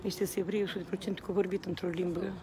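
Speaking in a lowish, flat voice, a woman tells a reporter her views at a rally outdoors, clearly agitated. She repeatedly calls out to the surrounding crowd, whose noise fills this street recording of an impassioned interview.

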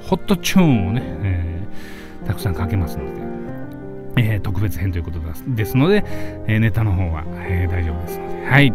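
A man with a Kansai accent hosting his own comedy radio show, talking in a laid-back, chuckling way and reading listener submissions. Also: fairly low pitch. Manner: laid-back, chuckling, polite sign-offs. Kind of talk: solo comedy radio talk.

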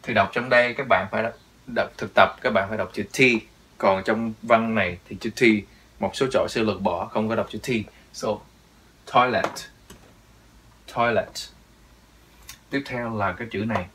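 A man's voice: lowish voice, steady tone, moderate pace, pauses often, a bit bright, breathy edge. A man teaching English pronunciation in Vietnamese, repeating each word with emphasis. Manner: drills words, repeats them with emphasis. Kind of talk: pronunciation lesson.

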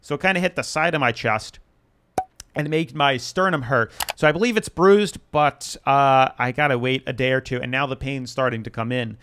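A man's voice: medium pitch, normal speed, background noise. A young man hosting a crypto channel, casually walking viewers through market charts while short of breath. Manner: steady explanatory chart talk addressed to viewers. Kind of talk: casual market analysis to camera.

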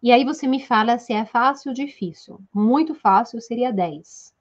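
A woman's voice: a little high, normal speed. A young woman from Italy with an Italian accent, giving a playful, casual language lesson and laughing often. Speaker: Italian teacher. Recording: slightly dull lo-fi sound.

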